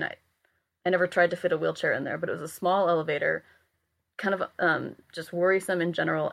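Young woman, casual podcast co-host, creaky gravelly tone, reflective. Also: lowish voice, a bit bright.

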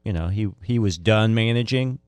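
A man's voice: on the low side, moderate pace, clear, resonant tone, no room sound, soft background music. A man giving casual, conversational sports recollections as a radio panelist. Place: radio studio.

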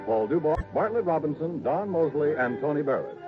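A man working as a radio announcer, delivering credits and commercial pitches in 1950s style. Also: lively intonation, a little fast, music in the background. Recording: tinny vintage radio recording.

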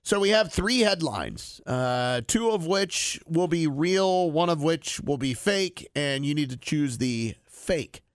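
A man co-hosting a radio show, tripping over his own lines and making fun of himself. His voice sits a little high and bounces around a lot. The studio sound is dry and close. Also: expressive, slow pace, few pauses, no room sound. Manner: self-deprecating, stumbles over words. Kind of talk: casual radio banter.

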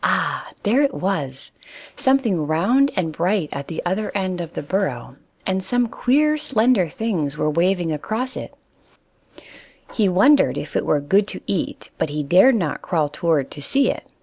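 A woman reads a children's story aloud in a calm, steady voice. Her pitch sits on the low side, and her delivery stays even and unhurried. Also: slightly rough, dry recording. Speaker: narrator. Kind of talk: storybook narration.

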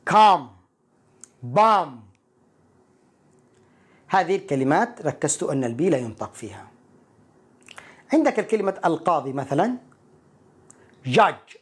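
A woman teaching English pronunciation, repeating each word slowly and clearly so learners can copy it. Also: fairly low pitch, very animated. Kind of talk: pronunciation lesson with repetition drills.

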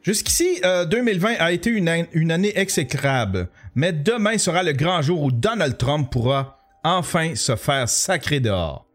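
A man's voice: on the high side, animated, normal speed, hardly any pauses. A man with a Québécois French accent hosting an online show, ranting with profanity and heavy sarcasm. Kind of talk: sarcastic live-stream commentary.

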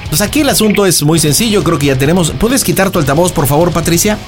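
A man with a Mexican accent hosting a radio prank show, coaching callers in a lively, laughing, slangy way. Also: fairly high pitch, quick pace, soft background music. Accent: Mexican Spanish.

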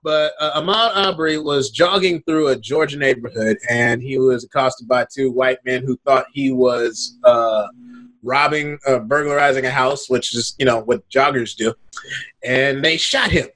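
A man's voice: mid-range voice, fairly even intonation, normal speed, fairly bright tone. A man co-hosting a casual podcast over a video call, talking in a wry, profane, sarcastic way. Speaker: podcast co-host.

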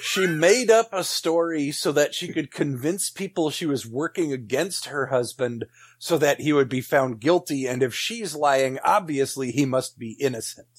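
A man's voice: a little high, moderate pace, few pauses, slightly rough. A man co-hosting a casual film podcast who makes dry, witty remarks. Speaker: podcast co-host.

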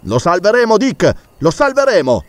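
A man's voice: medium pitch, sing-song, unhurried. A man reading an audiobook, voicing a bold doctor who leads a balloon expedition and gives orders. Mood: urgent. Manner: urgent, commanding shouts.

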